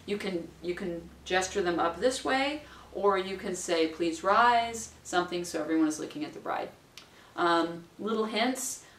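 Fairly low-pitched, a wedding minister in her forties gives chatty, practical instruction to camera, acting out quotes with a bright, playful lilt. She's filmed indoors in a small room at home, and the distant camera mic gives a roomy sound.

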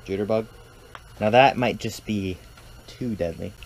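Rough recording and slight background noise frame a young man whose voice is on the low side and a little slow. Casual and joking, he vlogs his ice fishing trip from an open frozen lake and later from inside a tent. He's picked up by an action camera held at arm's length or placed close by.

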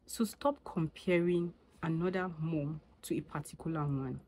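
A woman's voice: low-pitched, moderate pace, mellow. A Nigerian woman, a young mother, talking casually to camera in an emphatic, lecturing way that repeats her points. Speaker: vlogger and new mother. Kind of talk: casual opinion vlog to camera.

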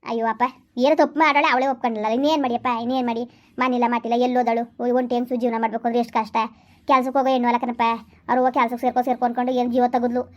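High voice, fast insistent talk, a woman playing a young village woman pleading with her family. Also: flat delivery, highs cut off, lightly acted. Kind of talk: village drama acting.

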